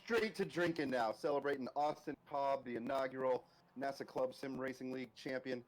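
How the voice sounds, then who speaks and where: A man's voice: mid-range voice, steady tone, brisk, poor audio. A man co-commentating on a sim racing broadcast with casual banter.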